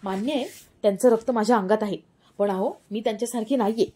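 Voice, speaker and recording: A woman narrating gives voice to a determined young wife in a retold family drama. She presses again and again with pleading questions. The tone stays mellow and unhurried. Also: fairly high pitch, breathy edge. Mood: earnest.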